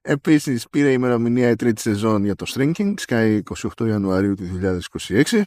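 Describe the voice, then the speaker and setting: A man's voice: lowish voice, lively intonation, a little mellow, dry recording. Guy cohosting a tech podcast, wry, chatty, dry close mic. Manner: chatty, wry, reads out news items. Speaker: podcast co-host. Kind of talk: casual chat about tech news.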